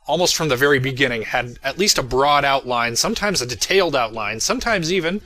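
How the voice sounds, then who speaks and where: A creator offers casual, chatty commentary on his own episode, drifting into asides that amuse him. His medium-pitched voice is animated, fast, pushed and bright, with music playing underneath.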